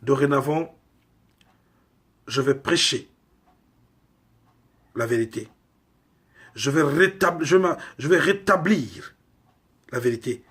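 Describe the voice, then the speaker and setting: A man from Congo delivering a slow, emphatic sermon full of rhetorical questions. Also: mid-range voice, a bit bright, slightly rough. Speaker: preacher.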